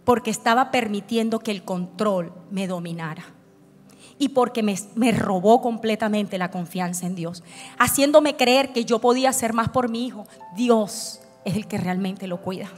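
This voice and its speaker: A woman's voice: mid-range voice, normal speed. A woman pastor, preaching an emotional testimony at a conference and acting out her own past words. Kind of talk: conference sermon with personal testimony. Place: large church hall. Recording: church hall reverb with soft music.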